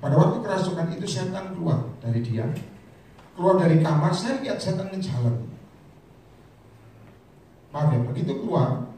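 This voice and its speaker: Man preaching, kinda high voice, shouts then drops low, big echoey hall, mic a bit far off. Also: animated, moderate pace, pauses often. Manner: swings from shouting to low asides, addresses the congregation as "saudara". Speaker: evangelist preacher. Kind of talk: sermon. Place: large church hall. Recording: echoey hall, mic from a distance, faint hiss.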